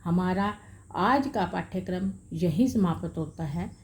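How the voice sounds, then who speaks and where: A woman's voice: lowish voice, measured pace. A woman teacher giving a grammar lesson to pupils, calling them children and dear and explaining with worked examples.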